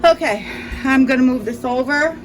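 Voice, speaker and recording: A woman's voice: high-pitched, moderate pace, over music, rough recording. A woman with a mild speech impediment, chatting casually as she narrates her cooking in a home kitchen, thinking aloud and correcting herself as she goes. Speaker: cooking vlogger.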